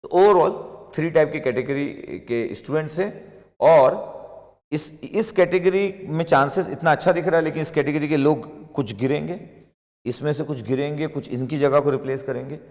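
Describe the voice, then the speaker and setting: Male exam-prep teacher, raised pitch, emphatic and repetitive, echoing hall sound. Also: normal speed, a little mellow. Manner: emphatic, repetitive, rhetorical questions. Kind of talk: motivational classroom lecture.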